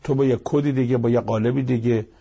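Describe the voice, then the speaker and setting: A man's voice: medium pitch, steady tone, creaky, mellow, slightly rough. A man giving a Quran commentary lesson, explaining verse by verse in a plain, conversational way and retelling stories as dialogue. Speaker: Quran interpreter.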